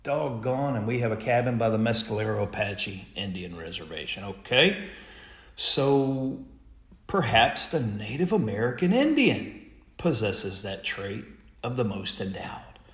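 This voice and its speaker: A man's voice: fairly low pitch, measured pace. A man, a podcast host telling a long joke with folksy asides. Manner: animated storyteller with folksy asides. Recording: echoey room.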